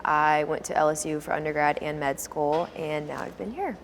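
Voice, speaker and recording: A young woman from Louisiana, a second-year resident on a panel, relaxed with many fillers. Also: deep voice, normal speed, slight background noise. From Lake Charles, Louisiana. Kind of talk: panel discussion.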